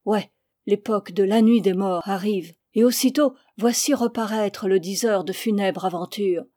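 Mellow-voiced woman reading a story. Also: medium pitch, no room sound, clean studio sound. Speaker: reader. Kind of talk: audiobook narration.

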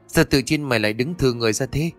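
A man's voice: mid-range voice, fast talker, faint music behind, lightly acted. A man reading the part of an anxious teenage schoolgirl in an audio story, talking hurriedly in a raised voice. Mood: worried.

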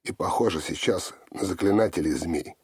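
A man voicing a harried male novelist who protests in a sharp, indignant way. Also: deep voice, moderate pace, slightly rough, dry recording.

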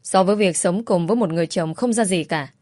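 A woman's voice: fairly low pitch, fast, darkish tone, dry recording, studio quality, natural voice. A woman voicing a self-assured young man who teases the heroine. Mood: teasing.

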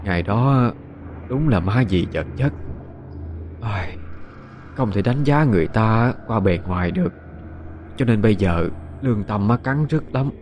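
A man voicing a gentle, loving old grandmother, speaking softly and soothingly. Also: on the low side, expressive, measured pace, long pauses, a little hiss or hum. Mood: tender.

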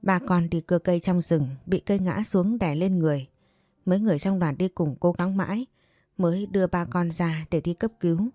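A woman voicing a kind older neighbor woman who speaks softly and comforts a grieving girl. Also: on the low side, fairly quick, no echo, clean studio sound, faint music behind, natural voice. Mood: hesitant. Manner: soft, comforting, hesitant. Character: kind elderly neighbor woman, gentle and caring.

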